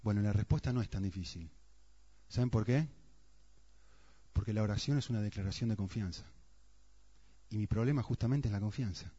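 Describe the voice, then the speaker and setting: A man's voice: fairly low pitch, a little fast, pauses often, dark tone, husky. A man preaching a sermon earnestly, often asking the congregation rhetorical questions. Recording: dull, muffled sound.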